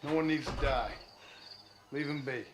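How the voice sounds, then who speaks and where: An actor playing a dry, sardonic reformed outlaw. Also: male voice, medium pitch, normal speed, very noisy, close to an everyday voice. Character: John Marston, dry reformed male outlaw.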